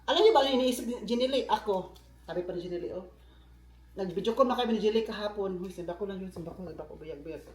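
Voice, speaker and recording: A man's voice: high-pitched, quick pace. A man from the Philippines vlogging in a casual, chatty way, often turning to his viewers with asides. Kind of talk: casual vlog chat. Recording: roomy echo.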